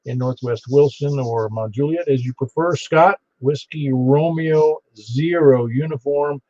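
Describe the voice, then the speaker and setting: A man working as a ham radio net controller, halting and easygoing as he takes an informal roll call. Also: mid-range voice, mellow. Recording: dull band-limited ham radio audio.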